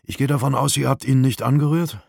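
A man voicing a serious, sharp-tongued female forensic officer in her forties in an audiobook crime story. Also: mid-range voice, steady tone, fast, vocal fry, slightly rough, dry recording, studio quality, voice pushed up. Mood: tart.

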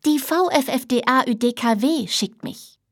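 A woman voicing a brisk, prim middle-aged nanny who speaks with crisp, overly clear enunciation. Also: high voice. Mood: matter-of-fact.

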